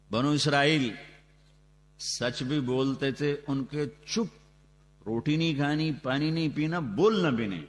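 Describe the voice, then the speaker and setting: A man preaching a sermon and telling the story dramatically, his voice rising loudly, with Quranic Arabic chanted slowly. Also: medium pitch, slight background noise. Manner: dramatic storytelling with sudden loud rises and quick asides. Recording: long reverb from a large hall, on a loudspeaker.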